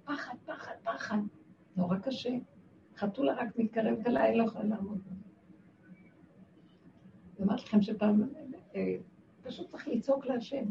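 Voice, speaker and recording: A woman's voice: on the high side, creaky, pauses often, noisy background. Impassioned woman teacher, distant lo-fi sound. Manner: impassioned, dropping to near-whispers. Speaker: spiritual teacher. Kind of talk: devotional talk to women. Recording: distant, dull lo-fi recording.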